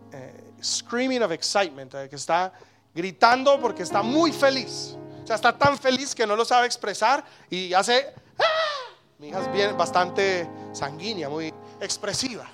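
A man in his thirties preaching a sermon as pastor, animated, with sudden loud exclamations. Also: high voice.

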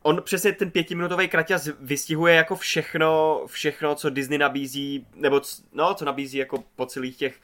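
A man from Czechia talks casually as a co-host on a film podcast. His voice is bright and forceful. He rambles, restarts his sentences and swears offhandedly. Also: a little high, steady tone, few pauses. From Czech Republic. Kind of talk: casual chat.

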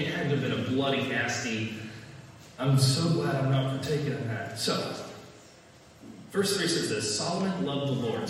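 A man's voice: medium pitch, fairly bright tone, a little hiss or hum. Casual, joking male preacher in an echoing hall. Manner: casual, conversational, jokey. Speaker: pastor. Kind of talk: sermon. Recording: echoey hall, distant mic.

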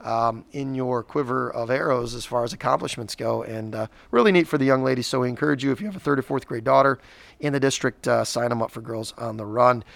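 A man's voice: mid-range voice, fast, creaky, no room sound. A man in his forties co-hosting a local school podcast, talking casually and rambling, with frequent restarts. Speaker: school district podcast co-host. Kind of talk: casual chat.

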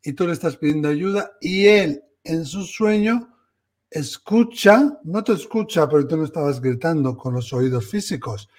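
A male co-host comments on a caller's message in a casual, explanatory way. He talks straight to her, reassuring her. His voice sits a little high. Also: darkish tone. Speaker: medium and co-host.

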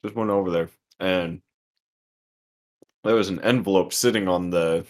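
A man's voice: deep voice, moderate pace. A man in his twenties chatting casually with a friend at home, laid-back, swearing often and laughing a lot. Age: 20s. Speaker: podcast co-host. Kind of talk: casual chat. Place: home, eating pizza.

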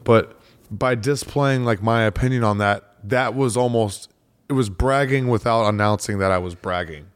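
A man's voice: lowish voice, normal speed, smooth, no echo. Dry-sounding man, rambling comedian guest. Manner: rambling, restarts often, swears casually. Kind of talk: casual conversation.

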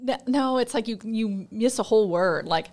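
A woman's voice: on the high side, lively intonation, normal speed, darkish tone. A young woman talking casually in an interview, friendly and chatty.

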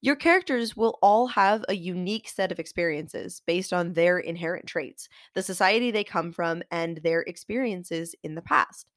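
Woman, nasal and stuffed up with a cold, mid-range pitch, dry close sound, articulate instructional narration. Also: no room sound. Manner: articulate, explanatory, addresses listeners directly. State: getting over a cold. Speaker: host of a fiction writing show, author.

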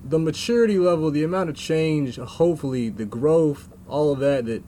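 A young man in casual conversation, making his points in a measured, thoughtful way. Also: a little high, mellow, a little hiss or hum. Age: young adult. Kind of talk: casual chat.

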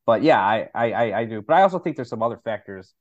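A man's voice: fairly low pitch, expressive, fast talker, no echo, lo-fi sound. A man co-hosting a sports podcast, hedging and agreeable, with many fillers. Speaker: podcast co-host. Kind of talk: casual sports podcast chat.

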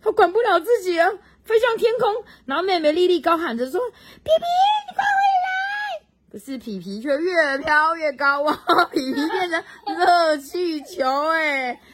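A woman reading a children's storybook aloud at home to a child, very expressive and stopping to chat with the child. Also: very high voice, normal speed, hardly any pauses. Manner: expressive, swoops up for excitement, chats with the child.

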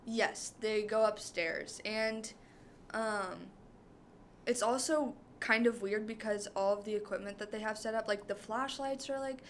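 A young woman talks through a recap at an unhurried pace, filling her sentences with um and like. Her voice sits at an everyday middle pitch, and a faint noise runs underneath. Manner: rambling, many "um" and "like" fillers. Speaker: podcast co-host. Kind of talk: casual chat recapping a show.

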